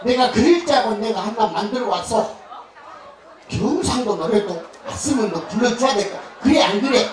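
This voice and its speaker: A man with a Jeolla accent working as a pumba street performer and emcee, trading crude, teasing banter with the crowd on an outdoor festival stage, laughing through his lines and breaking into shouts. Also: very high voice, lively intonation, moderate pace. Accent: Jeolla Korean. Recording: echoey loudspeaker sound, filmed from far off, crowd noise.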